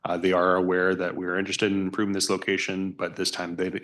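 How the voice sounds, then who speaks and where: A man explains things at a public meeting in the role of project staff. His voice is deep, and his intonation stays flat and even throughout. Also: fast. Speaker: transportation project staff member.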